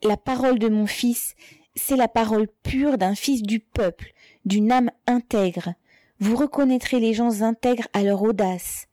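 A defiant aging mother hurls her words at the gendarmes, her voice hoarse and straining, put on by a woman reading the tale. The pitch climbs well above the narrator's own, but the tone stays mellow. The recording is close and dry. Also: measured pace, dry recording, lightly acted.

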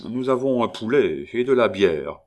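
A man doing a hoarse, gruff young servant. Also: fairly low pitch, lively intonation, moderate pace, close to an everyday voice. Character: rough, burly young manservant, blunt.

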